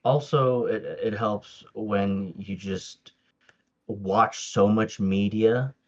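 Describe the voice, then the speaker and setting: With a fairly low pitch and drawn-out words, this man sounds a little mellow, and the recording's highs are cut off. He's a Tagalog-first speaker in a casual podcast interview. Hesitant and quick to laugh, he uses many fillers and restarts.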